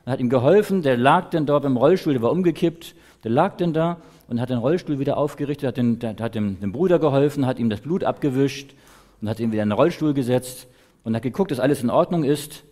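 A man telling a story to children during a church service, in a lively, animated way. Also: mid-range voice, fairly quick.

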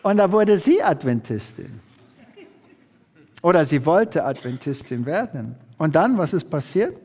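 A man's voice: a little high, a little slow, slightly rough. A man preaching a sermon as an evangelist, telling a story and acting out the quoted speech of its characters. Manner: animated storyteller who acts out quoted speech. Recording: echoey hall reverb.

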